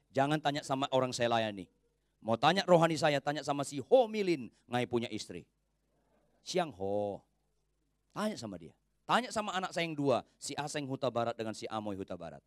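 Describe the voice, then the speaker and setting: A male pastor preaches from the pulpit with a very animated voice that climbs into loud, high exhortations and then sinks to quiet, confiding asides. He keeps tossing quick questions to the congregation. The sound is close and dry, with little room echo. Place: church pulpit before a congregation.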